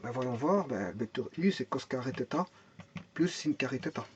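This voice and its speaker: A man's voice: medium pitch, expressive, normal speed, a little hiss or hum. Man teaching a step-by-step lesson. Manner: thinks aloud, repeats words and restarts often; asks and answers his own questions. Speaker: math and physics teacher.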